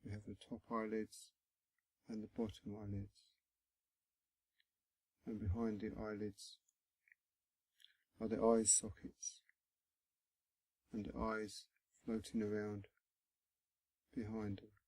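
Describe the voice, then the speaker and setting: A male meditation guide with a low, husky, creaky voice leads a body scan in a gentle, instructional way, pausing often between short phrases. His delivery is monotone, and the audio is poor, though there's no echo.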